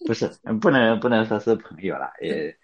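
A man with a lowish voice hosts a casual talk show, speaking in a brisk, animated way and often repeating words and phrases as he goes. The audio is dull and lo-fi, with faint music behind him.

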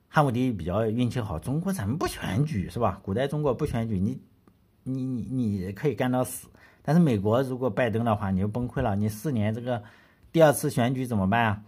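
A man's voice: mid-range voice, darkish tone, slightly rough. A man hosting a history podcast, telling the story in a blunt, colloquial way that is full of rhetorical questions and casual swearing.

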